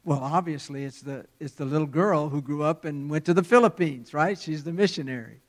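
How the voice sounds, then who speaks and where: A man preaching, telling a story in a sermon with swells and drops in loudness and halting repeats. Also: fairly high pitch.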